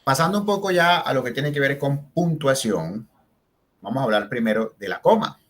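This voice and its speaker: A male teacher walks through spelling rules step by step. He slows down to stress each example word and keeps checking in with short questions. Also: mid-range voice, animated, fairly bright tone. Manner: explains step by step, asks "¿verdad?" and "¿sí?" to check in. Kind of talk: spelling and grammar lesson.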